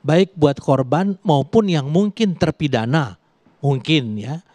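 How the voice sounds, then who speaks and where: A man, a legal expert guest, answering on a talk show in a measured way, pausing on fillers. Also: on the high side, animated, mellow, dry recording.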